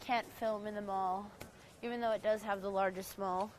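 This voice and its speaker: A woman's voice: mid-range voice, steady tone, normal speed, a little hiss or hum. A young woman streamer chatting casually, goofy and joking, sometimes mixing up her words. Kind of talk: casual live-stream chat.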